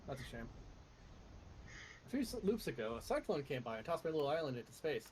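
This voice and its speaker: A man's voice: fairly high pitch, very animated, quick pace, a little mellow, slight background noise, rough recording. A man playing a game on a live stream, chatting casually and thinking aloud in a loose, exploratory way. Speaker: game player.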